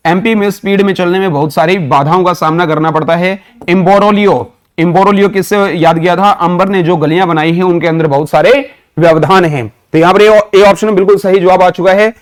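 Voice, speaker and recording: Quizzing Indian male vocab teacher. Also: high-pitched. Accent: Indian English. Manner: quizzing, answers his own questions; mixes Hindi with English phrases. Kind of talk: online vocabulary lesson with mnemonics.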